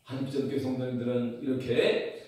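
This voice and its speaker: A male pastor preaching a sermon in a church, asking the congregation questions and building to loud emphatic declarations. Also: medium pitch, flat delivery, fairly quick, slight background noise. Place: church sanctuary. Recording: very echoey church hall, mic far off.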